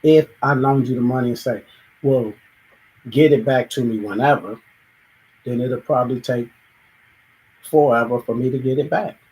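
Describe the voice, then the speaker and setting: A man's voice: mid-range voice, normal speed, long pauses, a little mellow, rough recording. A man hosting a reflective solo monologue, thinking aloud and acting out little everyday dialogues. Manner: thoughtful, acts out everyday dialogues, sometimes restarts. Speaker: show host.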